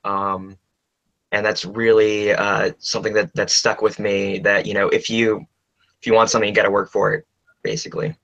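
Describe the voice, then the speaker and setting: Bright-voiced man with dry hesitant humor. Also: fairly low pitch, flat delivery, normal speed, gravelly, muffled recording. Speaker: cast member. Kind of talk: casual online Q&A.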